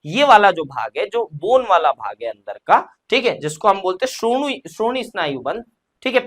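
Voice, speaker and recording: A man's voice: high voice, big pitch swings, normal speed, a bit bright. A young man teaching an exam-prep lecture, posing questions and answering them himself step by step. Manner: explains step by step, asks and answers his own questions.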